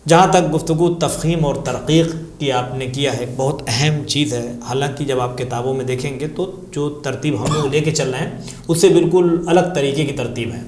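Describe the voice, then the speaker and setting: A man's voice: mid-range voice, a little mellow, reverberant, slight background noise. A man teaching Quran recitation rules, patiently repeating sounds and examples. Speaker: Tajweed teacher answering questions. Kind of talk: religious lesson explaining Quran recitation.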